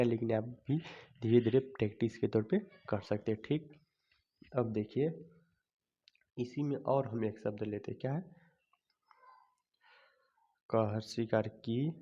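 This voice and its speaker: A man's voice: mid-range voice, warm tone, dull audio. A man teaching a children's lesson on vowel signs, patiently spelling out each letter and repeating the words.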